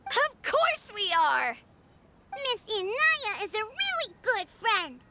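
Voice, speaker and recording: Very high, sweet young dancer. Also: female voice, wildly swooping pitch, slow pace, heavy background noise, heavily acted. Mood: warm, firm. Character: sweet, loyal young theater dancer girl. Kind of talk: anime-style video game voice acting.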